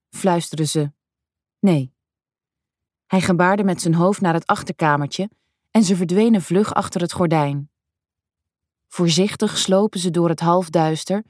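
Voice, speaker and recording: Low-voiced woman reading a story. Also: dry recording, studio quality. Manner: calm, measured storytelling. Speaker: narrator. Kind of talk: audiobook narration.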